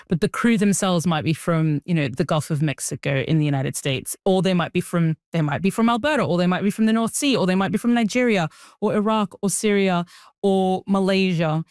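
A young woman, telling her story as an interview guest, animated and full of fillers. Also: fairly low pitch, a little fast, no room sound, clean studio sound. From Sudan. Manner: animated, with frequent "like" and "you know" fillers. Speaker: guest, engineer and writer. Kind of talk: interview conversation.

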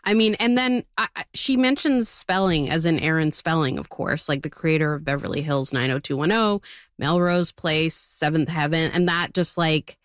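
A woman's voice: deep voice, moderate pace, no echo, clean studio sound. A woman co-host chatting casually and enthusiastically. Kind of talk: casual chat.

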